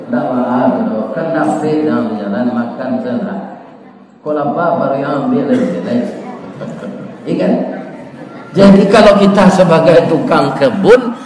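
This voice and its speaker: A middle-aged man, preaching a storytelling sermon to children and parents, lively and chatty, asking the crowd questions. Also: fairly high pitch. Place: mosque hall. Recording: echoey mosque hall.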